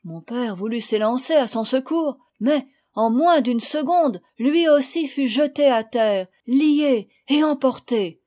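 A woman reading a children's novel aloud, with calm, measured storytelling that rises in dramatic moments. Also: sits high. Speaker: audiobook reader. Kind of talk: scripted narration.

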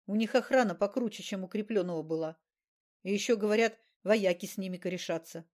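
A woman's voice: mid-range voice, brisk, a little mellow, close to an everyday voice. Slangy streetwise gangster dude, read out by a woman, offhand and blunt.

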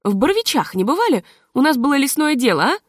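Folksy, insistent provincial man, lively and high, dry sound, as a woman reader plays him. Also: fast, dry recording. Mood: eager. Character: chatty provincial Russian man, journalist.

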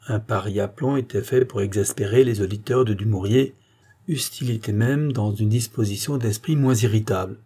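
A man reading a classic novel aloud in a measured storytelling manner, raising his voice for quoted characters. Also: lowish voice, warm tone, breathy edge. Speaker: audiobook reader. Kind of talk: scripted narration of a classic novel.

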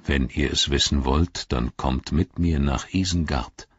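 Guy doing a deep solemn old wizard, husky, slow and riddling, storybook reading, kinda dull lo-fi sound. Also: no room sound, exaggerated voice. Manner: grave, measured, riddling. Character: ancient wise wizard, calm and commanding.

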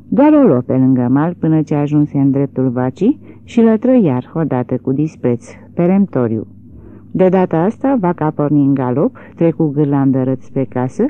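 A woman narrates a literary novel in a measured, expressive way. Her voice is low but moves freely through its range. The audio is narrow and tinny, like a phone line.

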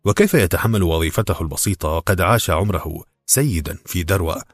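A man narrating a novel as an audiobook in a measured, even reading style. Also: low-pitched, no echo, studio quality. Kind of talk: scripted storybook narration.

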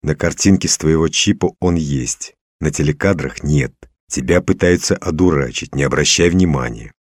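A composed older scientist speaks calmly and steadily, giving brief instructions in a very deep voice, as a male reader gives him lines. The recording is dry and close. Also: moderate pace, breathy edge, no room sound. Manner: calm, even, instructive.

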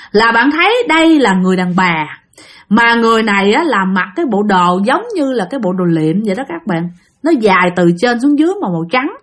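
Woman storyteller, ghost story, fairly high voice, very animated delivery. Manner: dramatic, addresses listeners directly.

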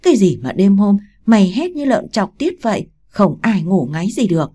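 A gruff old mother-in-law barks scolding orders, as a woman reading the story voices her. Her voice is dark and raspy. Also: on the low side, animated, moderate pace. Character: sharp-tongued rural old mother-in-law.

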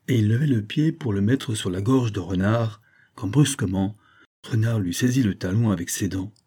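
A man narrating a storybook tale in a measured, expressive reading. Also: on the low side, slightly rough.

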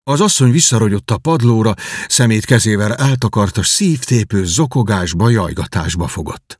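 A man reading a classic novel aloud as audiobook narrator in an expressive, dramatic way. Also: on the low side, husky, dry recording, clean studio sound. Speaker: audiobook reader. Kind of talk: scripted narration.

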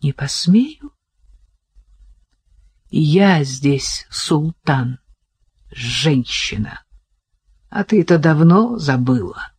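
A narrator voicing a furious, ruthless old sultan who threatens with menacing, rasping shouts, read in a dry, husky voice. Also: mid-range voice, very animated, very slow, pauses often, dry recording, heavily acted. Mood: menacing rage.

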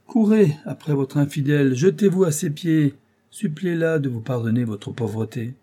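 A man's voice: mid-range voice, normal speed, warm tone, close to an everyday voice. A man reading an audiobook, voicing a scheming aging job broker who talks in a coaxing, lecturing, ironic way. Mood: scornful. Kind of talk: audiobook character voice.

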